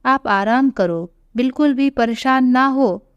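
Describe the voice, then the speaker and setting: A woman reading a gentle young official. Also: high-pitched, takes it slowly, smooth, no echo, lo-fi sound. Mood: reassuring. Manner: gentle, reassuring.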